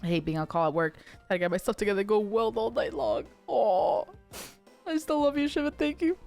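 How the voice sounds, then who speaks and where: A woman's voice: mid-range voice, brisk, creaky, a little mellow, soft background music. A woman streamer chatting casually to her viewers between reading game lines. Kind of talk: casual chat while voicing a game.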